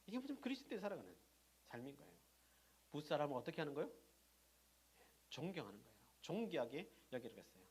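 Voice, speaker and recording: A middle-aged man preaching a sermon as pastor, asking the congregation questions and answering them himself, moving between loud emphasis and soft, low asides. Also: sing-song, fast talker, pauses often, slightly rough.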